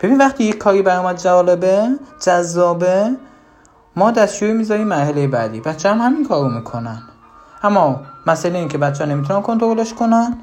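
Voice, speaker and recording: A parenting advisor giving direct advice to the listener, asking rhetorical questions and shifting between lively and low, emphatic tones.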